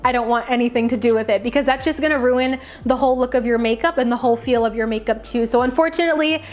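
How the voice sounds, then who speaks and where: Her voice fairly high and a touch raspy with tiredness from talking at length, a beauty vlogger chats casually to camera about products at a quick pace. She keeps it conversational and emphasizes words as she goes.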